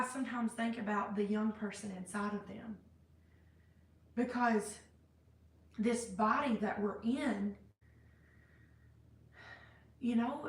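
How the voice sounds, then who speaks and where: A woman vlogging in a casual, reflective way, rambling with many fillers and restarts, in a cold room indoors. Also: fairly high pitch. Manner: self-described hyper and sentimental. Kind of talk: casual reflective faith-based vlog. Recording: roomy sound, mic at a distance.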